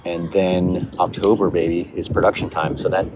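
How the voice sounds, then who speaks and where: A low-pitched man speaking at normal speed in a level tone chats casually about his creative work, video-diary style. He writes and creates audio dramas, and the location recording is noisy with vehicles and ambient sound.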